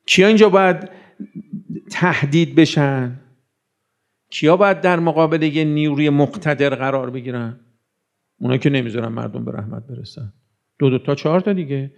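A man delivers a sermon in a loose, conversational way, slipping into quoted back-and-forth dialogue. His voice sits high and carries a gravelly edge. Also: long pauses. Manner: conversational preaching, acting out dialogues. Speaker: preacher.

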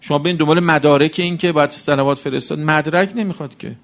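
Impassioned preacher man, gravelly voice. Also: on the high side, steady tone, a bit bright. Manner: impassioned, rhetorical questions. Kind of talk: religious sermon.

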